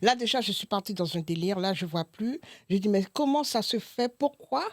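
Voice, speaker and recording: A middle-aged woman telling a funny story to her son in a casual family chat, dramatic and lively, acting out other people's lines. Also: mid-range voice, normal speed, a little hiss or hum. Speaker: mother of the host, guest.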